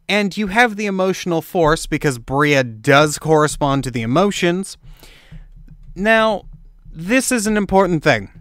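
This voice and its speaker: A man's voice: a little high, a bit bright, clear, resonant tone, no room sound, studio quality. A young man giving a rambling, informal lesson, repeating his points for emphasis and swearing offhand. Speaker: amateur occult teacher. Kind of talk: casual explanatory lecture.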